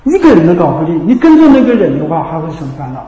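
High-voiced man giving a Buddhist sermon. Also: big pitch swings, racing, lo-fi sound. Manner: repetitive, checks in with rhetorical questions. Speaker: Buddhist teacher. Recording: echoey hall reverb.

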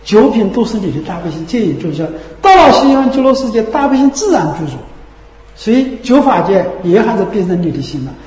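A man giving a Buddhist sermon, often asking rhetorical tag questions and dropping low and soft on them. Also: very animated, fairly quick. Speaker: Buddhist teacher. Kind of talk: Dharma sermon. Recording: echoey hall with long reverb.

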